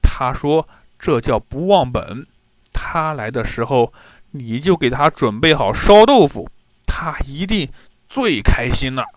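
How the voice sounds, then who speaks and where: A man voicing a boisterous, hard-drinking general who brags loudly, in a storybook reading. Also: medium pitch, lively intonation, a little slow, no echo, natural voice. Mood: boastful. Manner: loud, jovial bragging.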